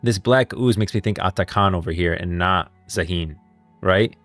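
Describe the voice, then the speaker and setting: A stream host with a very low voice talks casually about lore at a moderate pace. He rambles and drives his points home by repeating them, while background music plays behind him.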